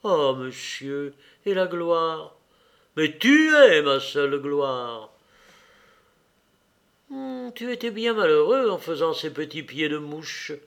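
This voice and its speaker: A male reader voicing a young woman in love, tender and rapturous, in a slowly read audiobook. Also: on the high side, sing-song, creaky, fairly bright tone, heavily acted. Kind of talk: audiobook character reading.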